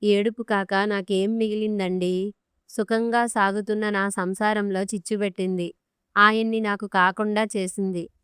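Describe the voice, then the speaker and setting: A woman's voice: mid-range voice, smooth, no room sound, studio quality, close to an everyday voice. A woman reading the lines of a wronged young wife in her twenties, tearful and accusing.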